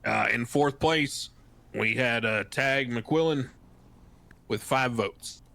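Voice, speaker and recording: A man playing a diplomatic official in game role-play, making a formal announcement in a measured, hesitant manner. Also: medium pitch, vocal fry, bright, forceful tone, exaggerated voice.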